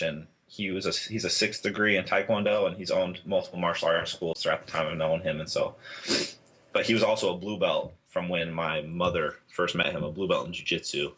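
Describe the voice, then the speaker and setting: Deep-voiced young American man. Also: breathy edge. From Hawaii, United States. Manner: rambling, relaxed, many fillers. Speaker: interview guest, athlete. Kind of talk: casual interview.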